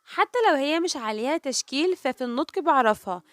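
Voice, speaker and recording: Woman, Egyptian Arabic accent, high-pitched, children's reading teacher, asks and answers her own questions, dry close sound. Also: expressive, a bit bright, dry recording. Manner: stretches example words out slowly, syllable by syllable.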